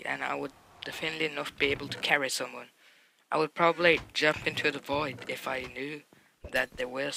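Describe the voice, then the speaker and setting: A young man reading out viewer questions for his gaming channel and answering them in an offhand, deadpan way. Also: a little high, creaky, slight background noise. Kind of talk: casual Q&A vlog.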